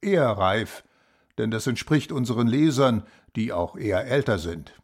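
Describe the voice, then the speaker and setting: An actor playing a businesslike male magazine editor who leaves a polite, hurried voicemail in a scripted language-lesson dialogue. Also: mid-range voice, expressive, husky. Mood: polite, urgent. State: leaving a voicemail.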